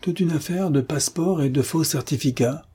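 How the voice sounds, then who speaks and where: A man's voice: normal speed, warm tone, breathy edge. A man reading an audiobook, voicing a devoted male concierge who frets and exclaims in a raised voice. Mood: fretful. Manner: anxious exclamations, higher pitched.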